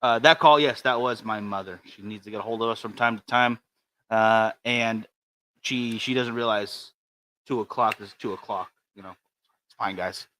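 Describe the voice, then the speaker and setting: Bright-voiced man chatting on a livestream. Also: fairly low pitch, moderate pace, a little hiss or hum, poor audio. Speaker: co-host of a cigar show. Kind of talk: casual livestream chat.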